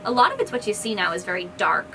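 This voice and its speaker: A fantasy author chats casually and enthusiastically about her work in a rambling, informal book discussion inside a bookstore. She talks fast in a medium-pitched voice with big pitch swings. The noisy room recording picks up background ambience.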